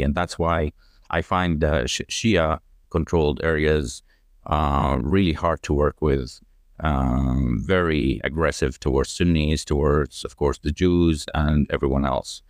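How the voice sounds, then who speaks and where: A man with an extremely deep voice talks through a long explanation, pausing on fillers and restarting his sentences. The sound is dry and close, with no room echo. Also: steady tone. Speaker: guest. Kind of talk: conversational explanation.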